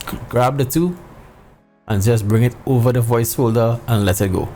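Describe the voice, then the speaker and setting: A middle-aged man hosts a casual how-to video. His voice is mellow with plenty of fry, and he talks informally into a headset mic with music behind him. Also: medium pitch. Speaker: sim racing video host. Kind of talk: casual tutorial talk to viewers. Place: indoor home room.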